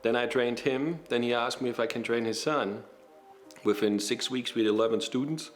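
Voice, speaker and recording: A man in his forties with a German accent, telling his story in a documentary interview, measured and pausing with fillers. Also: mid-range voice, fairly even intonation, soft background music. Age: 40s. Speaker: pilot and flight school owner.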